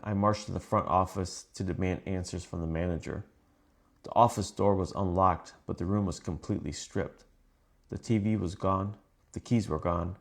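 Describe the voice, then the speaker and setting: A man reading scripted first-person horror stories in a calm, measured way. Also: low-pitched. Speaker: narrator.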